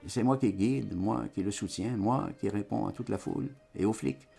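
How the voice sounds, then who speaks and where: A man giving a lively, theatrical dramatized reading of a literary text as an audiobook. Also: on the low side, moderate pace, vocal fry, husky. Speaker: audiobook reader.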